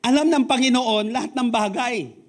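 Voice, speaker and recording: Filipino pastor guy preaching, high voice, goes big and loud then drops way down quiet. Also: moderate pace. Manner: switches between Tagalog and English, swings from loud emphatic peaks to quiet low drops. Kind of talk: sermon.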